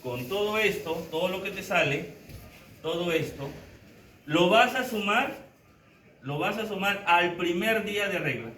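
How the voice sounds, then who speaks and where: Animated male teacher in an echoey classroom. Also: high voice, unhurried, far from the mic, slight background noise. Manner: animated, counting aloud while writing on a board. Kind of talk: classroom lecture.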